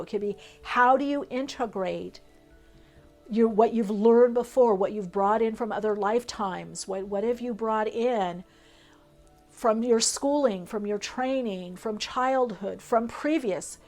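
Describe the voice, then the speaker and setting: A woman's voice: a little high, measured pace, soft background music. Spiritual woman tarot reader, flowing lists. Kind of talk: tarot reading for viewers.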